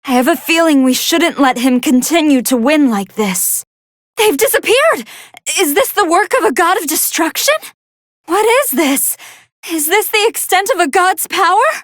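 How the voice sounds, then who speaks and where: A woman voicing a polite, soft-hearted female android scientist who gives formal, earnest and expressive commentary on fights in a video game. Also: very high voice, normal speed, no room sound, clean studio sound. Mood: amazed. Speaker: match commentator.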